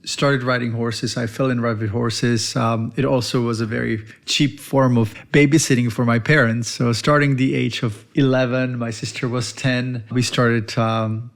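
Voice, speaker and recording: Speaking at a normal speed with few pauses, a Czech veterinarian recounts his life on his own podcast in a level, gravelly mid-range voice. The monologue is earnest and reflective, with some non-native phrasing.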